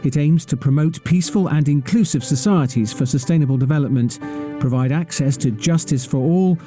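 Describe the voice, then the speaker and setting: A man giving smooth, even scripted narration for an informational video. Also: a little high, brisk. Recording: narration over background music. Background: music.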